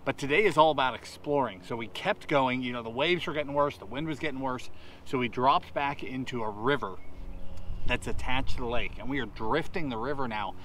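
A man's voice: mid-range voice, fairly quick, fairly bright tone, a little hiss or hum. Man recapping a fishing day from a boat. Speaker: fishing show host. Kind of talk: casual on-camera recap. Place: on a bass boat on open water, outdoors.

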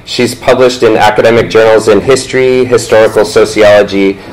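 Reading panelist introductions from his notes, a moderator in his thirties speaks fairly quickly in a steady tone and fairly low pitch. Set in an indoor lecture room, the rough recording catches him stumbling over words and self-correcting.

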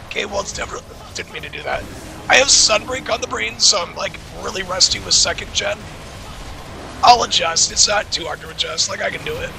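A man with a hoarse, raspy voice chatting casually and self-deprecatingly as he comments on his own gameplay. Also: high-pitched, sing-song, fast talker, background noise. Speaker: gaming video creator.

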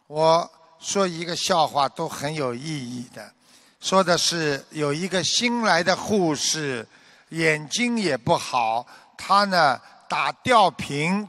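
A man with a notably high voice delivers a Buddhist sermon at an unhurried pace. His tone is measured and instructive, and he turns lively when he tells a joke. The sound is dry and close, with little room tone. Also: no echo. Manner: measured preaching, animated when telling a joke. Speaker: Buddhist teacher. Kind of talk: dharma talk sermon.

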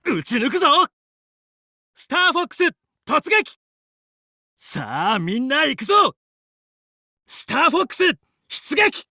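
A man playing a young, confident fox space pilot and team leader in a video game, brisk, determined and commanding yet friendly. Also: very high voice, wildly swooping pitch, bright, forceful tone, dry recording, studio quality, heavily acted. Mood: determined, urgent. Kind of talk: Japanese video game voice acting.

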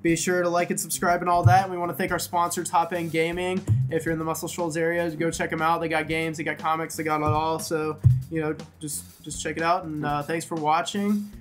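A man's voice: on the high side, little pitch movement, a little fast, music in the background. A man hosting a casual round-table chat, talking loosely with lots of fillers. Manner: chatty, lots of "like" and "you know".

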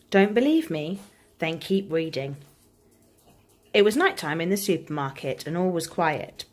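A woman, a primary school teacher, reading a picture book aloud to children in an expressive, engaging way. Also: low-pitched.

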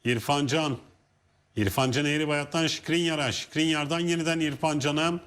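A man with a notably high-pitched voice calls a football match live. He follows the play move by move as a commentator and raises his voice excitedly for goals. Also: moderate pace.

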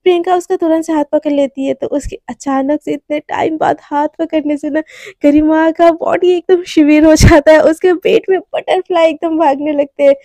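A woman's voice: high voice, fairly even intonation, moderate pace, dark tone, no room sound, clean studio sound. A young woman telling a story in a chatty, informal way with many asides. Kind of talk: casual storytelling.

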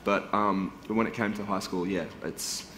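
A man's voice: on the low side, fairly even intonation, normal speed, bright, forceful tone. A young man, a panel guest on a conference stage, talking earnestly and reflectively with frequent restarts. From Australia. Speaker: panel guest, band singer. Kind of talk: conversational panel talk. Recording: roomy hall with faint noise.

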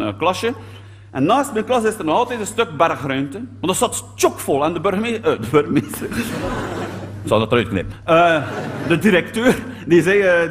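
A man with a Flemish accent performing a stand-up monologue as a schoolteacher character, animated and digressive, always tagging his sentences with little questions. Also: high voice. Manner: animated and digressive, peppers talk with tag questions.

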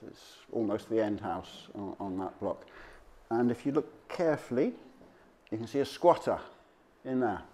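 A man presenting local history gives an informal slide talk, halting and conversational as he speaks off the cuff to his audience. His voice is fairly low, and background noise can be heard.

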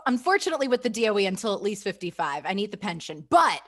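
A woman's voice: mid-range voice, expressive, racing. A woman hosting a school webinar over a video call, chatty and upbeat, laughing often and using lots of fillers. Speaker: webinar host for school staff. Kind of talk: casual presenting on a video call.

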